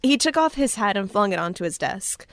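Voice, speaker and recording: A woman playing a wry, weary film-noir detective who narrates in a deadpan voice. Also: mid-range voice, fairly quick, no echo.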